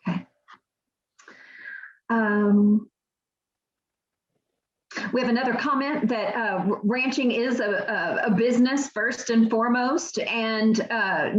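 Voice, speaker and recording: A woman moderating an online event, reading out audience comments with many ums and restarts. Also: a little high. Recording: dull lo-fi video call audio.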